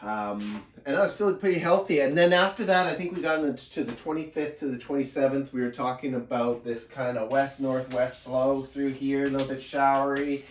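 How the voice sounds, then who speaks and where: A man's voice: medium pitch, brisk, hardly any pauses. Man, stuffed-up nose, casual rambling weather recap, roomy echo, set back from the mic. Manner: relaxed, rambling, drowsy. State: stuffed up with a cold. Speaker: local weather forecaster. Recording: roomy echo, distant from the mic, faint noise.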